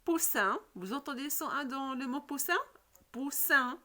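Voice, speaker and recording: A woman teaching a phonics lesson to children, patient and repetitive, often checking with a quick question. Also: sits high, pushed and bright. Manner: slow, patient, repeats questions and checks with "d'accord?".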